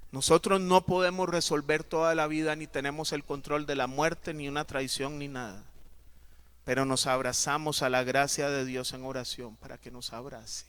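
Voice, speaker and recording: A man preaching a sermon as pastor, emphatic and dramatic, swinging between loud and soft. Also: fairly high pitch, clear, resonant tone.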